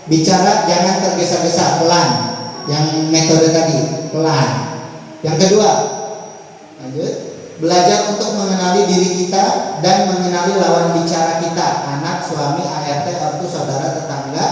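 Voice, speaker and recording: High-voiced guy teaching parents, jokey, keeps quizzing the crowd, echoey hall, mic far off. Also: a little mellow. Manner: playful, quizzes the audience and acts out parent-child dialogue. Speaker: religious teacher leading a parenting seminar. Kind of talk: lively parenting talk to parents. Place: large echoey school hall. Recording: echoey hall from far off, faint background noise.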